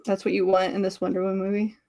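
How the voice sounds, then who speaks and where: A woman's voice: medium pitch, monotone, very fast, creaky, mellow. Laughing woman in casual podcast banter. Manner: laughs often, mocking voices when telling stories. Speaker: podcast co-host. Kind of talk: casual group chat.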